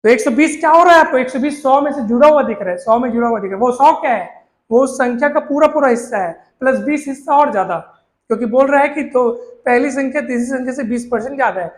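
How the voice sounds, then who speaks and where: A man's voice: very high voice, quick pace. A male maths teacher, explaining a lesson in a coaxing way, repeating points and asking his students questions. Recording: echoey room.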